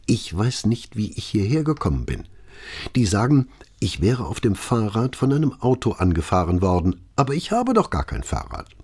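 A male narrator voicing a confused, frightened old woman whose voice trembles and climbs higher as panic creeps in. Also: wildly swooping pitch, normal speed, a little mellow, breathy edge, heavily acted. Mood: confused, anxious.

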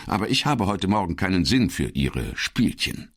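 A man's voice: sits low, sing-song, moderate pace, husky, pitched above the performer's own voice, full character voice. A man voicing a curt, stern middle-aged male police chief who growls his orders.

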